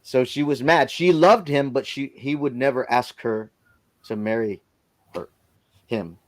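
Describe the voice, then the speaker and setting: Everyday man of medium pitch, relaxed informal storyteller. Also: a little slow. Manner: lively storyteller who acts out others' lines; plain, informal grammar. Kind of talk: casual personal storytelling.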